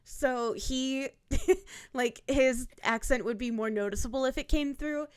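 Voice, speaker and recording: A woman's voice: high-pitched, a little slow, clean tone. A woman in her twenties from Ohio, chatting casually on a stream with many fillers. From Ohio, USA. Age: 20s. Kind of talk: casual chat.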